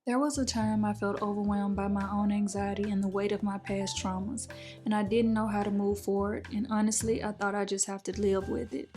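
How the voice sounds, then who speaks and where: A young woman talking casually in her vlog, chatty and expressive, moving into a calm, reflective sponsor read. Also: medium pitch, fairly quick, faint music behind. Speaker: vlogger.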